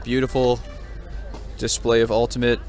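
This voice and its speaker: A man's voice: medium pitch, monotone, normal speed, a little mellow, faint music behind. A man doing live play-by-play commentary, upbeat and full of praise for the players. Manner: upbeat, praising, wraps up the broadcast.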